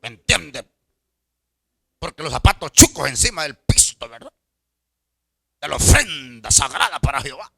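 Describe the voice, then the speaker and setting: A middle-aged man preaching a storytelling sermon as a pastor, swinging from loud outbursts to hushed asides and stammering repetitions. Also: fairly high pitch, sing-song, normal speed, creaky, pauses often, breathy edge, no room sound, clean studio sound. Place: church.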